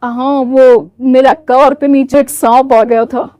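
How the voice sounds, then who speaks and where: A woman's voice: high voice, flat delivery, slow, mellow, dry recording, pitched below the performer's own voice. A woman voicing a blunt, grumbling middle-aged father-in-law in a comic story. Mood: gruff.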